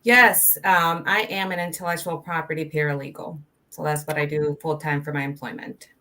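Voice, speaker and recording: A woman in her thirties from Colombia, a podcast guest talking earnestly and softly about her life, with frequent ums. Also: low-pitched, fairly even intonation, moderate pace. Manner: soft-spoken, earnest, many ums. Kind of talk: casual interview.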